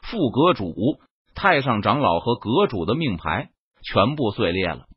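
A man's voice: on the low side, sing-song, husky, no room sound, pitched below the performer's own voice, exaggerated voice. A man reading an audiobook, voicing a panicked young male disciple reporting bad news. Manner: hurried, alarmed reporting. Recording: dull lo-fi dry recording.

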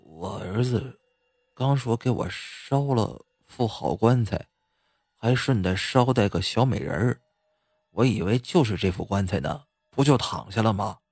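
A man voicing a sheepish middle-aged ghost who explains himself in a low, embarrassed mumble. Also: unhurried, a little mellow, husky, dry recording, studio quality.

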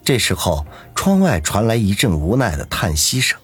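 Husky, lively male narrator. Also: fairly low pitch, moderate pace, faint music behind. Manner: lively, dramatic storytelling. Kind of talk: expressive audiobook narration.

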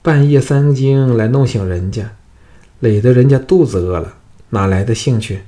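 A man's voice: fairly low pitch, expressive, normal speed, creaky, a little mellow. A man voicing a seductive, cunning captive noblewoman in an audiobook, speaking in a coy, coaxing way. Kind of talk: audiobook character voice.

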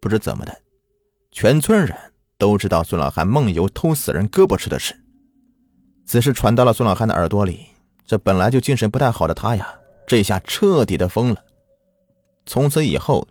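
Male folk-tale narrator, very low and animated, dry close sound. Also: moderate pace, dry recording. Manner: dramatic, lilting storytelling. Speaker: storyteller. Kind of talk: folk ghost story narration.

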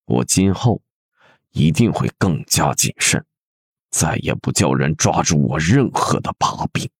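A man's voice: extremely low pitch, expressive, unhurried, slightly rough, no echo, studio quality, exaggerated voice. A man voicing a cold, ruthless prince who speaks with sneering contempt in a fan audio drama. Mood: scornful.

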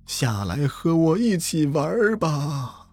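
A man voicing the ghost of a bloody, legless man, in a faint, distant and ethereal voice that is slow and drawn out, for a spoken ghost story. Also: fairly high pitch, sing-song, a little mellow, dry recording, soft background music, voice pushed up, full character voice. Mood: beckoning.

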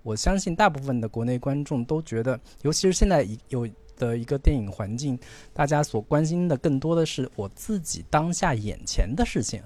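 A man's voice: mid-range voice, expressive, fairly quick, a little mellow. A man co-hosting a podcast who chats casually about films and repeats words as he thinks. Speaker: podcast co-host. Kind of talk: casual film discussion.

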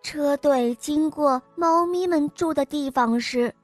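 A woman host reading a fairy tale for children in a gentle, clear, unhurried way. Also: sits high, no room sound, faint music behind. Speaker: storyteller host.

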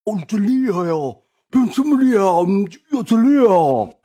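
A fawning high-school boy heaps drawn-out praise on his friend, as a man acts him out. His voice is high, husky and swoops lavishly. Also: lively intonation, mellow, faint music behind. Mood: gushing admiring.

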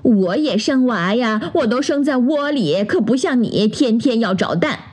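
A woman voicing a sensible mother hen in a children's storybook, speaking in a raised, matter-of-fact voice with a breathy tone. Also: on the high side, animated, measured pace, a little mellow, pitched above the performer's own voice.

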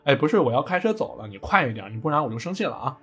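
A man's voice: fairly high pitch, very animated, racing, fairly bright tone, husky, full character voice. A man putting on a sassy brash young woman. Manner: sassy, boastful teasing.

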